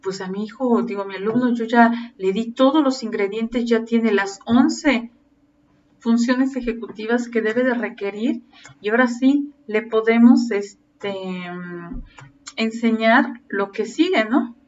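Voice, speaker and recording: A woman's voice: fairly high pitch, unhurried. A woman lecturing teacher trainees in an explanatory way, with frequent fillers and restarts. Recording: distant muffled mic with faint ambient noise.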